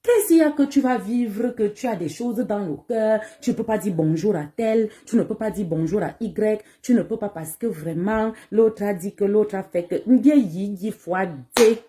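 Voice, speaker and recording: A bikutsi singer with a Cameroonian French accent talks casually and directly to her audience, emphatic and repetitive, putting rhetorical questions to herself. Her voice is mid-range and mellow, moving at a normal speed with few pauses.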